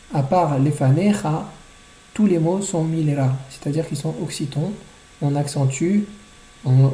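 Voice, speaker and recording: A man's voice: medium pitch, dark tone. Male instructor, methodical explainer, echoey room. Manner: methodical, repeats phrases slowly to model pronunciation. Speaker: teacher of liturgical chanting. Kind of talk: explanatory lesson with recited prayer phrases. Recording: roomy echo.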